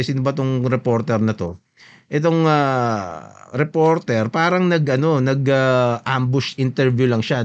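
A man's voice: a little high, clean tone, muffled recording. A man hosting a podcast, casually commenting on a video as he plays it, mixing Tagalog with English and often checking that his listeners agree. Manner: mixes Tagalog and English, often seeks agreement with a questioning tag. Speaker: podcast host.

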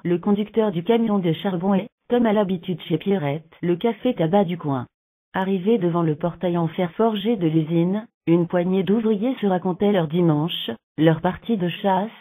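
A synthetic woman's voice reading a novel aloud in a flat, monotone way with uneven phrasing. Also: lowish voice. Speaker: narrator. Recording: narrow phone-like sound.

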